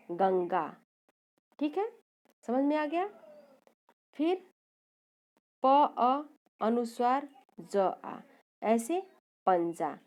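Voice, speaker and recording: Woman, grammar teacher, slow deliberate pace, slightly high voice, sounds out letters step by step. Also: a little mellow. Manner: corrects herself mid-sentence. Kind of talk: slide-based grammar lesson.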